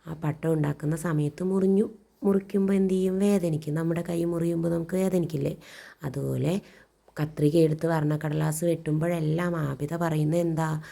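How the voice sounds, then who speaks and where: A woman's voice: low-pitched, steady tone, moderate pace, creaky, dark tone. A woman teacher reading a story to children and explaining it, asking questions and answering them herself. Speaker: primary school teacher.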